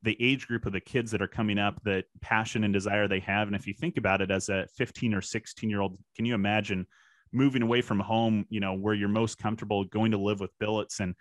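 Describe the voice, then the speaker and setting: A middle-aged American man, born in California and raised in Washington state, talks casually and reflectively as a podcast interview guest, often saying "you know." He works as a sports PA announcer. His fairly low voice is steady and fast, and the recording is dry.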